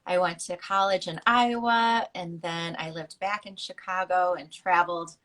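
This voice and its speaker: A woman's voice: on the low side, steady tone, moderate pace, fairly bright tone. Candid, chatty woman guest. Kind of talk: casual interview chat. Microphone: video call.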